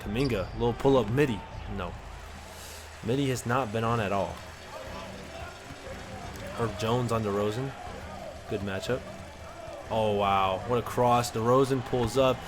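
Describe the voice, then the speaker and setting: A man giving casual, excited play-by-play commentary over a basketball video game, with slang in his talk. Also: medium pitch, a little slow, long pauses, background noise. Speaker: gaming content creator.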